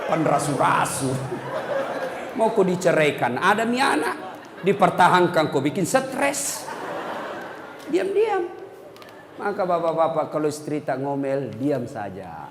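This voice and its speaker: A man's voice: on the high side, very animated, a little slow, long pauses. A man giving a humorous sermon, joking and acting out what husbands and wives say. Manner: jokey, acts out quoted couples' talk. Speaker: preacher. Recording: echoey hall with background noise.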